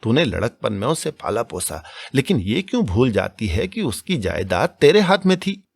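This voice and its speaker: A man voicing a middle-aged village official who reasons slowly and calmly. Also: medium pitch, gravelly, slightly rough, dry recording, exaggerated voice. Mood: reasoning.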